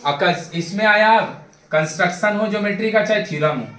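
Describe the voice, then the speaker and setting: A math tutor teaches a geometry class in a chatty, joking, familiar way with his students, speaking a little fast in a high, bright, forceful voice. The lecture is recorded from a distance, off-mic, in an echoey classroom with a little hiss or hum.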